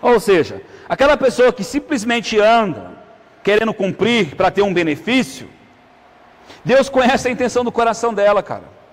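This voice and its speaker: A man preaching a sermon, calling out to the congregation and swinging between loud peaks and hushed asides. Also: high-pitched, sing-song, normal speed. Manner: calls out to the congregation with repeated "amém, irmão?". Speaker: apostle preaching. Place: church hall. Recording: hall reverb.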